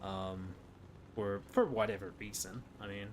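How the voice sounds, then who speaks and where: A man's voice: lowish voice, steady tone, a little slow. A man streaming a tank battle game live, chatting to viewers and swearing at the game. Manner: swearing, frustrated outbursts at the game. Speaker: gaming streamer. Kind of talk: live gameplay commentary. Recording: faint game noise behind.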